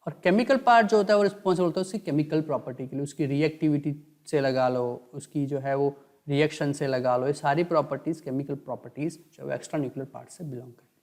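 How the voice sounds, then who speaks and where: Higher-voiced male chemistry teacher. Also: darkish tone. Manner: explains in Hindi mixed with English terms, dictates English lines slowly; asks and answers his own questions. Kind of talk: online lecture.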